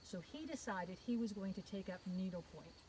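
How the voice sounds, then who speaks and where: A woman guiding a walking tour outdoors, telling stories in a measured, deliberate way. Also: medium pitch, expressive, warm tone. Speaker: cemetery tour guide. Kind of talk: guided walking tour storytelling. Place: outdoors in a cemetery at night. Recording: outdoor recording with clear background noise, crickets.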